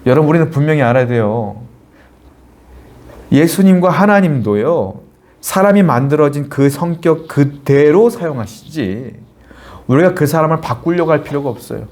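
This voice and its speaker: A man's voice: fairly high pitch, expressive, moderate pace, darkish tone. A man preaching an earnest sermon as a pastor. He asks his congregation questions and answers them himself, reads scripture aloud, and acts out the quoted lines.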